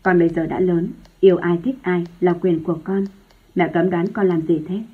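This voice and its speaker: A woman voicing an earnest young man in love who argues firmly but respectfully with his mother, in a husky low voice. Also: flat delivery, normal speed. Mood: arguing. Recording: tinny phone-like lo-fi sound.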